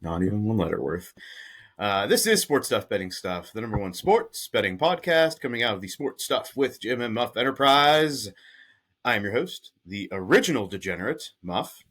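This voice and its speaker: A man with a lowish voice hosts a sports betting podcast, his pitch swinging widely as he talks. He keeps the chat casual and playful, joking with his co-hosts. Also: very animated, fairly quick, hardly any pauses, fairly bright tone, husky. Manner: playful, jokey banter with frequent laughs. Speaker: podcast host.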